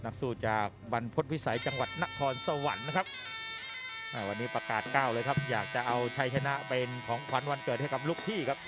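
A man giving live commentary on a combat sports bout as a fight commentator. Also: mid-range voice. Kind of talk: live Muay Thai commentary. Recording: music playing behind commentary. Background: clear music.

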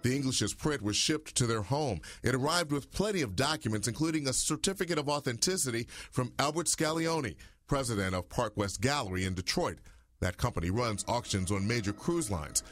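A man reporting a news story in a measured, scripted narration style. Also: mid-range voice, no room sound. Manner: measured, even reporting delivery.

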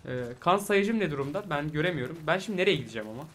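A man giving casual let's play commentary, chatty, talking to the game and breaking into excited exclamations. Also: on the high side, racing, slight background noise. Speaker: gaming YouTuber. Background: soft game music.

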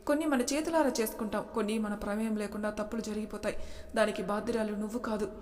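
A woman doing a motherly older housemaid who counsels softly in a flat, even tone. A long hall reverb rings under her words. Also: mid-range voice, quick pace, a little hiss or hum, close to an everyday voice. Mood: consoling. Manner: gentle, advising. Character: kindly older maid, motherly and protective.

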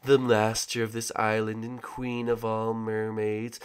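A man acts out a commanding mermaid queen in a game. The voice is soft and low. It speaks slowly, with seductive authority. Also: flat delivery, clear, resonant tone, natural voice. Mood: imperious. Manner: slow, soft, imperious.

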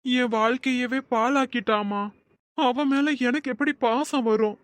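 A woman's voice: fairly high pitch, fairly even intonation, measured pace, no room sound, close to an everyday voice. A woman voicing a hurt, resentful young husband in a storybook drama, talking plaintively to his mother. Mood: pleading. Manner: plaintive, sulking.

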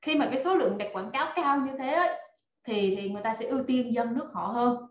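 An online course instructor teaches a live class over a video call, cheering her students on with plenty of fillers. Her voice sits a little high and she talks fast. The video-call audio is echoey and dull.

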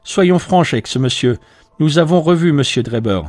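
A man voicing a young woman who speaks in a clear, assured, firm way. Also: a little high, expressive, moderate pace, a little mellow, no room sound, faint music behind, pitched above the performer's own voice, lightly acted.

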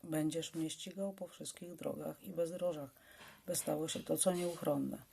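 An eerie star child, born of alien engineering, speaks from inside a phone in a solemn, hushed and measured way, as a woman reads it out. The voice sits low and husky, with a gravelly edge to it. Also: steady tone, heavily acted.

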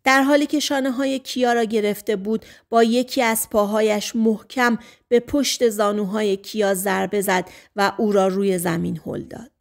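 A woman narrating an audiobook in a dramatic reading that drops to a hush at tense moments. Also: medium pitch, fairly even intonation, vocal fry, few pauses. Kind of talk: scripted narration.

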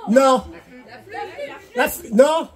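A man performing a live clown comedy show, shouting and laughing at his own jokes. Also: very high-pitched, very slow, some chatter behind.

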